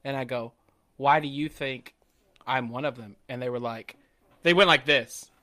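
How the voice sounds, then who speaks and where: With a mid-range voice at a moderate pace, a Southern man co-hosts a podcast full of profane, casual chat. He's an animated storyteller who swears freely and acts out quotes.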